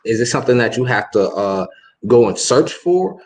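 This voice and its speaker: A man's voice: medium pitch, big pitch swings, moderate pace, a little mellow. A man hosting a podcast, asking questions in a hesitant, casual way with many fillers. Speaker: podcast host. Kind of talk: casual interview.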